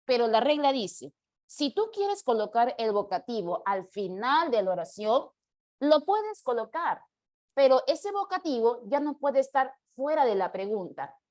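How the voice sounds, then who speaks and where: A fairly high-voiced woman teaches punctuation in a live online class. She explains patiently, slowing down to read example questions aloud and answering students by name. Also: a little mellow. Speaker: language teacher.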